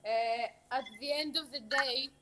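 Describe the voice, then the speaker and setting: High-voiced young woman, bright. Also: unhurried. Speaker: student interviewer. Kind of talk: asking prepared questions. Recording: quiet, distant from the microphone.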